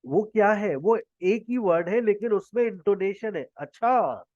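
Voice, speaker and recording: A man from Pakistan, a native Punjabi speaker, teaching spoken English in an online class over a video call, slowly quizzing his students and modeling English phrases. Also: sits high, mellow, dry recording. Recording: dull lo-fi online call audio.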